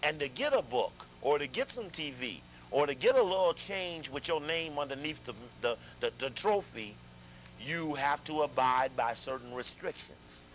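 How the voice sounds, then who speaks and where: A man lecturing a live audience, animated, asking them questions and repeating himself as he talks. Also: a little high, moderate pace, slight background noise, rough recording. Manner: animated, addresses audience directly, repeats and restarts.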